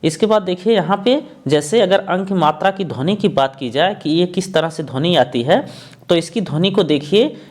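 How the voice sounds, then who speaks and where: A man teaching a lesson, explaining patiently and repeating each point while he spells out letters slowly. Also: high-pitched, animated, a little mellow.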